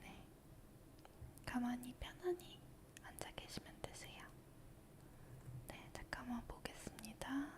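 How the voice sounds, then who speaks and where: A woman whispering softly through an ASMR doctor checkup roleplay, gentle, reassuring and patient. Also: a little high, lively intonation, slow pace, long pauses. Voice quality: soft whisper.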